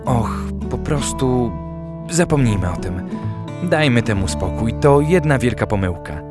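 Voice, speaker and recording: A man voicing a flustered, gruff older grandfather in an audiobook, blustering as he talks. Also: fairly low pitch, animated, normal speed, loud music behind the voice, natural voice.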